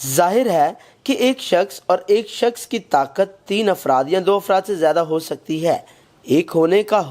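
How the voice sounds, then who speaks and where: A man reading a scripted Bible lesson in a measured, even way, quoting scripture as he goes. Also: high voice. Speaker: Bible study narrator.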